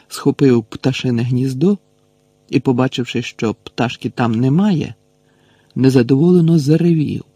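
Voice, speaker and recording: A man reads a novel aloud in measured, even storytelling. His voice is dark, husky and gravelly. The recording is dry and close. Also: mid-range voice, no room sound. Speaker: audiobook narrator. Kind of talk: audiobook narration.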